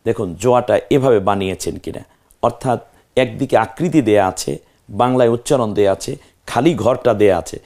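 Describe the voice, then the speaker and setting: A man's voice: fairly low pitch, moderate pace, darkish tone. A man with a Bangladeshi accent teaching the Arabic alphabet, patiently drilling letter names and coaxing the learner. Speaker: Quran teacher.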